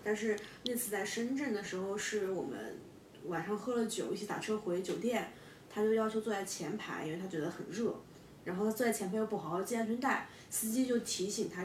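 Young woman guest, rapid storyteller, restarts a lot; distant, roomy recording with faint rumble. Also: darkish tone. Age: 20s. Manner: fast, halting with many repeated words. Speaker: guest telling her breakup story. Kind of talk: casual podcast storytelling. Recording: echoey room, distant mic, faint rumble.

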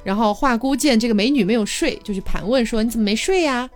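A woman's voice: on the high side, fast. A woman hosting a podcast, casually retelling a classic tale and voicing the characters' lines. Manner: lively retelling with voiced quotes and laughter. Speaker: podcast host storyteller. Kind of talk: casual storytelling. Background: background music.

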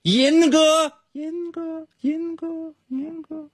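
A man's voice: fairly even intonation, extremely slow, clean studio sound, full character voice. Man imitating a fading canyon echo. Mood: playful calling. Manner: high shouted calls, each repeat quieter and farther off. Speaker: livestream host.

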